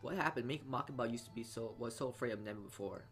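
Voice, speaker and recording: A video game let's player reads a visual novel's narration aloud and comments casually, often stumbling over and repeating words. His voice is medium-pitched and fairly bright, with game music in the background.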